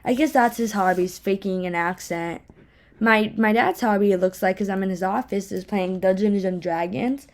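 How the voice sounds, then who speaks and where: In a home office, a young woman with a speech impediment hosts her podcast alone, chatting casually and rambling with candid self-deprecation. Her voice is mid-range and a little mellow, at a moderate pace.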